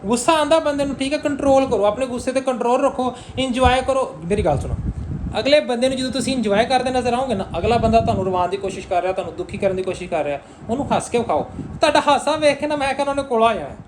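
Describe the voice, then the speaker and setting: A young Punjabi man runs a family vlog and talks quickly and persuasively, reassuring his mother again and again. His voice carries a roomy echo, with a faint hiss underneath. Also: extremely high pitch, lively intonation. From Punjab, Pakistan. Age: young adult. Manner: coaxing and reassuring, repeats "theek hai na?". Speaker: family vlogger. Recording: roomy room with faint noise.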